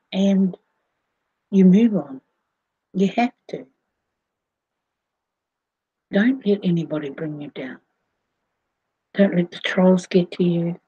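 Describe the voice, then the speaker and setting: A woman, talking slowly to her viewers in a rambling way, with many fillers and restarts. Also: fairly low pitch, warm tone, highs cut off. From New Zealand. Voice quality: husky. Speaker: vlogger. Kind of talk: casual monologue to camera.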